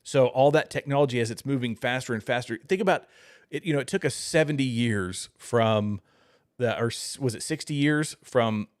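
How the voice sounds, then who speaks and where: Talk show guy explaining stuff earnestly, mid pitch, dry sound. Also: moderate pace, dry recording. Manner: earnest explaining, thinking aloud. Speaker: podcast co-host. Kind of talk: casual panel chat.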